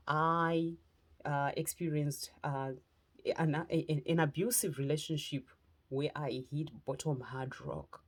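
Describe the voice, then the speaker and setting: A woman's voice: deep voice, a little mellow. Earnest woman with a Zimbabwean accent. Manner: earnest, heartfelt, speaking in short phrases. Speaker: motivational speaker and lifestyle preacher. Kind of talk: personal testimony talk.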